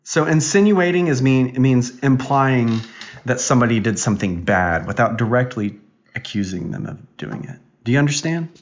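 A man's voice: mid-range voice, animated, normal speed. A man co-hosting a casual family podcast with his child, teasing and patiently explaining words. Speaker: podcast co-host and father. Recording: dull lo-fi audio.

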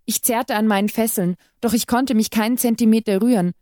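A woman reading a short story aloud in scripted narration, with a measured, even delivery. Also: a little high, no echo, studio quality. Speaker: reader.

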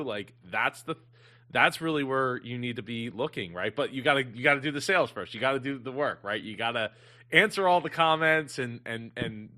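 A man hosting a casual Q&A on a video call, speaking haltingly and restarting his sentences often. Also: mid-range voice, pushed and bright. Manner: halting, many fillers and restarts. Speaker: host.

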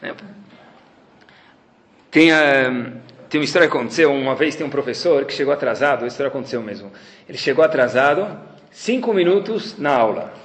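A man's voice: medium pitch, fairly quick, pauses often. A man, a rabbi giving a lecture with anecdotes and acting out dialogues. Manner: animated storytelling, acting out dialogues. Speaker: rabbi teaching a class. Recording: roomy echo.

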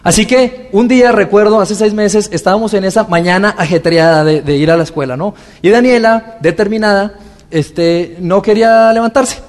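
A man's voice: high-pitched, moderate pace, darkish tone. A man in his thirties giving a sermon as a pastor, telling personal stories and asking rhetorical questions in a conversational way. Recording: long hall reverb.

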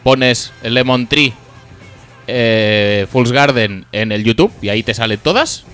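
A man's voice: medium pitch, expressive, slow, a bit bright, clean tone. Guy cohosting a football podcast, laid back teasing chat, rambles a bit, faint music behind. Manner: laughs easily, rambling and teasing. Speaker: podcast co-host. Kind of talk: casual sports chat.

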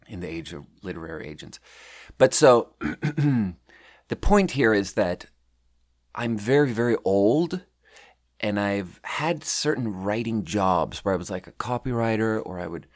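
In a voice on the low side, this podcast host from Sweden, a man in his thirties, reads his own writing aloud. He keeps the chat casual, wandering off on tangents and poking fun at himself.

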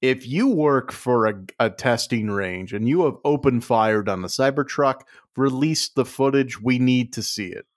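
Joking podcast co-host, mid pitch. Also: male voice, unhurried, hardly any pauses. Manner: animated, riffing with put-on voices. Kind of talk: casual comedic chat.

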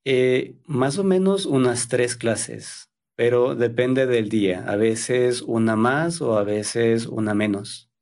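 A man in his thirties from Ecuador, a Spanish teacher speaking slowly and carefully as a guest in a conversation for learners, soft-spoken with small fillers. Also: mid-range voice. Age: 30s.

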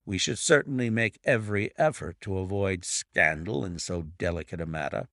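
A man plays a grave, self-controlled detective who speaks in firm, measured sentences. The voice is low and gravelly, unhurried, with wide expressive movement. The recording is dry and close. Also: dry recording. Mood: restrained. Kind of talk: audiobook character reading.

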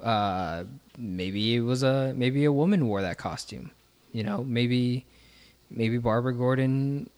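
A man's voice: mid-range voice, slow pace, darkish tone. A man co-hosting a podcast in casual chat, rambling with many fillers and restarts. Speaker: podcast co-host.

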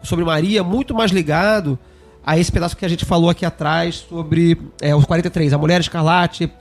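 A man hosts a relaxed discussion, thinking aloud and circling back over his points. His voice sits a bit high. Soft music plays faintly underneath. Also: fairly quick. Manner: thinking aloud, repeats himself, conversational. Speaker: podcast host. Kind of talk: casual discussion of an esoteric text.

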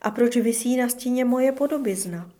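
A woman's voice: a little high, dark tone, close to an everyday voice. A woman voicing a lonely young orphan boy in a storybook reading, asking and pleading wistfully.

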